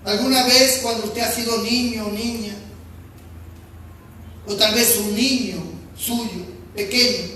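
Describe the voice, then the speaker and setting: A Peruvian man preaching a sermon, emphatic and repetitive, swinging from shouts to soft speech. His voice is high and bright. He is heard from far off in a very echoey church hall with faint ambience. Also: slight background noise. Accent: Peruvian Spanish. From Peru. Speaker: pastor.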